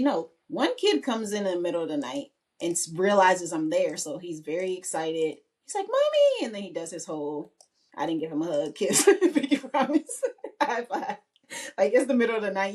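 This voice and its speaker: A woman in her thirties, a podcast co-host, chatting casually and telling stories with frequent laughs. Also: lowish voice. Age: 30s. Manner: chatty storytelling, laughs often. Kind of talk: casual chat.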